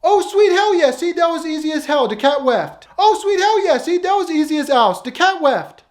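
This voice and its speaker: Squeaky whiny smart aleck cartoon dude, grossed out by everything, a guy putting it on. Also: expressive, normal speed. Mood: gleeful. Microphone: phone.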